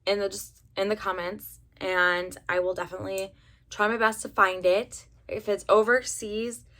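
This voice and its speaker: A young adult woman from the United States with a raspy voice, rambling chattily through a casual hair color review. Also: mid-range voice, flat delivery, moderate pace, fairly bright tone. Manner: rambling, chatty, many fillers. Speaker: beauty vlogger.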